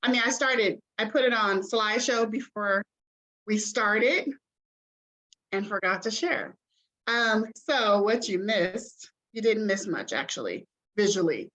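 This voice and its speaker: A woman's voice: medium pitch, animated, unhurried, a bit bright, low-quality recording. A woman admissions representative giving an online information session over a video call, chatty and encouraging, with many ums and okays.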